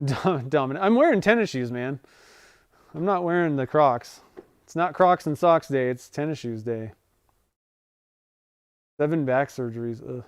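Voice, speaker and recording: Man, forties, slightly high voice, smooth and clear, dry close sound, casual rambling livestream host. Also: animated, measured pace, pauses often, dry recording. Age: 40s. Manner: rambling, self-correcting, chuckles often. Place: home workshop.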